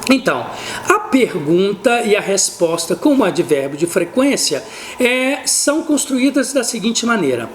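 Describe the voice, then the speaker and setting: Brazilian Portuguese-accented woman, English teacher, careful slow delivery, animated intonation, faint noise behind. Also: mid-range voice. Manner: says English examples slowly and carefully. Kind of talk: explanatory language lesson.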